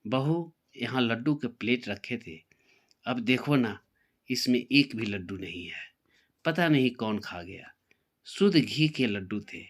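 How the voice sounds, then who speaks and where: A man's voice: mid-range voice, lively intonation, a little slow. A man voicing a bossy older mother-in-law in a spoken story, scolding and sarcastic.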